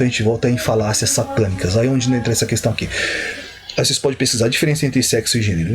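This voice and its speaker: Male Bible teacher, casual livestream tone, stops often to check in and correct himself. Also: medium pitch. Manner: conversational, frequent "tá?" check-ins and self-corrections.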